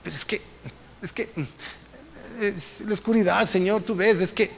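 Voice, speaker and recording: A man acting out the frightened apostle Peter, stammering hushed excuses. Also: sits high, steady tone, measured pace, creaky, a little hiss or hum. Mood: pleading. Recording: echoey church hall.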